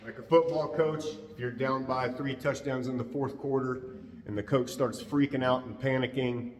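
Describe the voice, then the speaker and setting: A man talks calmly and casually as a dog trainer, explaining while he works. His mid-pitched voice sits back from the mic, and a long, roomy echo trails after his words. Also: normal speed, recorded from a distance, a little hiss or hum. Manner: calm, easygoing, explains as he works.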